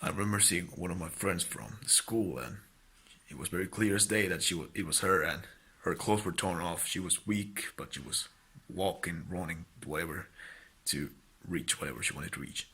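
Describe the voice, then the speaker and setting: A young Spanish man with an American accent gives a personal testimony and exhortation, earnestly recounting dreams and urging listeners on. His low, husky voice sounds pushed and bright, halting at times before rising into fervent blessings.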